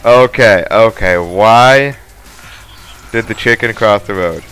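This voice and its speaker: A man's voice: on the low side, takes it slowly, fairly bright tone, clear, resonant tone, soft background music. A young man co-hosting a casual gaming session, joking around and putting on a mock English accent. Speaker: gaming channel co-host.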